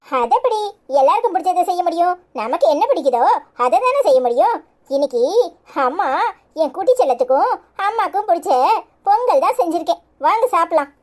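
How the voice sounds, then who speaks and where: A woman voicing a shrill scolding cartoon mother. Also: sing-song, fairly quick. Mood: soothing. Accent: Kanyakumari Tamil. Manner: scolding, firm. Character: sharp-tongued cartoon mother, Aisu. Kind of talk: cartoon voice acting.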